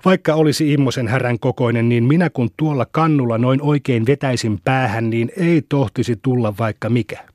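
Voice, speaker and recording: A man's voice: medium pitch, hardly any pauses, darkish tone, no echo, studio quality, natural voice. A man voicing a boastful nine-year-old country boy in an audiobook, eager and bragging. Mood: boasting.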